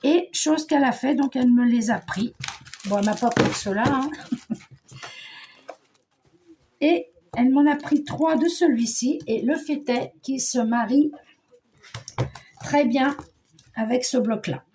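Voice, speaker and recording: Middle-aged woman from Paris, casual crafting vlog, higher voice, chatty and hesitant, faint background noise. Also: unhurried, long pauses, mellow. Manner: chatty, hesitant, many fillers and restarts. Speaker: scrapbooking vlogger. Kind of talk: casual show-and-tell chat.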